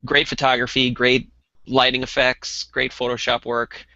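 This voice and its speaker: A man's voice: mid-range voice, completely flat delivery, normal speed, bright, forceful tone, no room sound, muffled recording. A man co-hosting a casual podcast over a call, chatting loosely with lots of ums and restarts. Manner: conversational, many ums and restarts. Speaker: podcast co-host.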